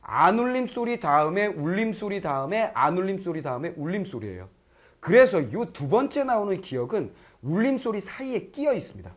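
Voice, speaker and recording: A middle-aged man with a fairly quick, high-sitting voice teaches Korean grammar in an online lecture. He's lively, often checking whether students follow, and acts out foreign learners' lines in quoted voices.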